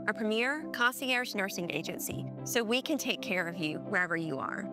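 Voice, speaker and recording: A woman reading a radio advertisement for her own business in a steady, reassuring way. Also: mid-range voice. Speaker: business owner in an ad.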